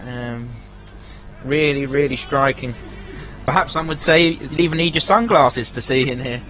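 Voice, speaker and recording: A man co-commentating at a football ground, offering measured and slightly hesitant analysis. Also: medium pitch, fairly bright tone, low-quality recording. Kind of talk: match analysis.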